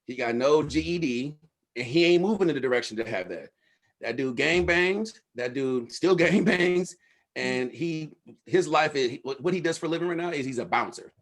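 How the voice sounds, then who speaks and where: Male speaker, middle-aged, from Los Angeles, husky voice, frank slangy storyteller at a lecture. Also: on the high side, normal speed. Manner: candid, slangy storytelling with swearing. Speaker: guest speaker and researcher. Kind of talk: casual talk with audience Q&A.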